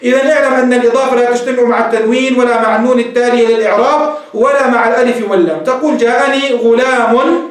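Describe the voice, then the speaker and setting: A man's voice: extremely high pitch, steady tone, rapid-fire. A man teaching a grammar lesson, reading from a text and explaining it step by step in a mix of formal and colloquial speech. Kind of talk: recorded lecture. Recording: echoey room, distant mic.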